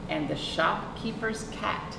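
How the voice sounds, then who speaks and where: A woman with a lowish voice reads slowly from a picture book, hosting storytime for young children as a librarian. Her reading is expressive, sprinkled with chatty questions and asides. The distant microphone captures a roomy space and clear background noise.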